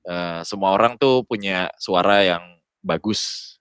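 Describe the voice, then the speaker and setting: A man's voice: sits low, measured pace, fairly bright tone, clear, resonant tone, no echo, clean studio sound. A young adult man with a Jakarta accent, a guest voice-over talent chatting casually and mixing in English words. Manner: colloquial, peppered with English words. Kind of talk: casual podcast chat.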